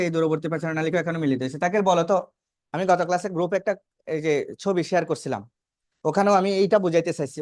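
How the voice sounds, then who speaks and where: Man, biology teacher, rapid classroom lecture, dry close sound, asks and answers his own questions. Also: sits high, dry recording. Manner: asks students questions and answers them himself; repeats key terms for emphasis.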